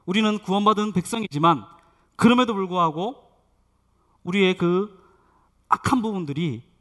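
A man's voice: sits high, moderate pace, fairly bright tone. A man preaching a sermon as pastor, telling a personal story and asking the congregation questions.

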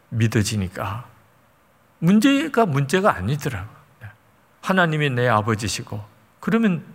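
Gravelly-voiced male preacher, echoing hall. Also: mid-range voice. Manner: emotive, acts out quoted voices, drops to near whispers. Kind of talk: sermon storytelling. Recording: long hall reverb.

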